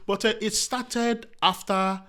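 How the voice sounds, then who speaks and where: A man's voice: high voice, fairly even intonation, slow, fairly bright tone, smooth. A male comedian talking casually in an interview, earnest and repetitive, often asking himself rhetorical questions and calling the host "my brother". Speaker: comedian guest.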